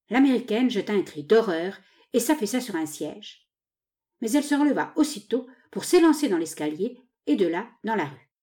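A woman's voice: mid-range voice, darkish tone. A woman narrating a novel as an audiobook, telling the story expressively.

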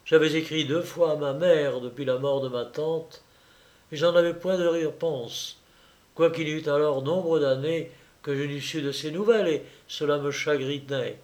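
A man reading a classic novel aloud in a measured, literary storytelling manner. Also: a little high, steady tone, darkish tone. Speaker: audiobook reader. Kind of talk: scripted literary narration.

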